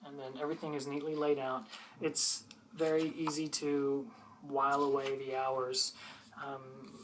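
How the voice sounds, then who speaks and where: A person doing an ASMR role-play as a patient, bookish librarian, softly and hesitantly explaining books to a visitor in a unhurried library soft voice. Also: medium pitch, little pitch movement, noisy background. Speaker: librarian showing gardening books.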